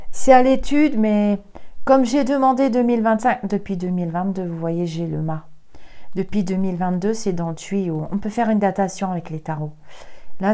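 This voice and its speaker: A woman's voice: mid-range voice, dark tone. A woman medium doing a tarot reading on a live stream, chatting to viewers and exclaiming as she counts out her cards. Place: indoors at a desk with a camera.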